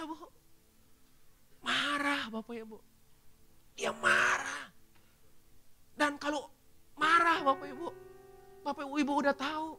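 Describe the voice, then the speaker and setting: A male preacher telling a story in a sermon, acting out the dialogue and often turning to address the congregation. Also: extremely high pitch. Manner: animated, acts out dialogue, keeps addressing the congregation. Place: church function hall.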